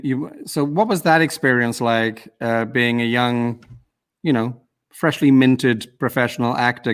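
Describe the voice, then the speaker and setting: Chatty host from the UK. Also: male voice, mid-range voice. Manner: chatty, rambling, teasing. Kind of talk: casual interview chat.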